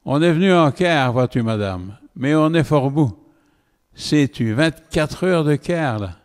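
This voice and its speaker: Guy doing a blunt walloon traveller, plain talk, slow, echoey hall. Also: on the high side, lively intonation. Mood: explaining.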